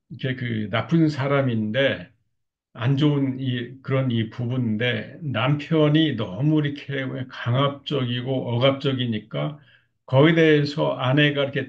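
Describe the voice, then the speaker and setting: An older male lecturer talks through marriage communication at a middle pitch. His voice is gravelly, and he often pauses on fillers. The recording sounds dull and lo-fi. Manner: frequent fillers, acts out short example quotes.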